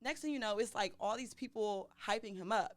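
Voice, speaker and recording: Young woman on a podcast telling a wild date story, animated, dry close sound. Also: mid-range voice, fairly quick, dry recording. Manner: animated storyteller, laughs through her story. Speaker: podcast co-host. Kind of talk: casual storytelling chat.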